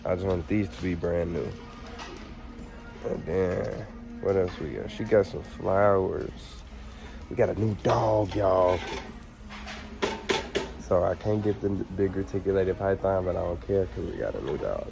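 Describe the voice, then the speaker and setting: A man's voice: sits low, measured pace, gravelly, pauses often, music in the background. An American man chatting casually and informally to viewers as an animal vlogger, using plenty of slang. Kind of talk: casual vlog chat to viewers. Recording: noisy on-location handheld vlog audio.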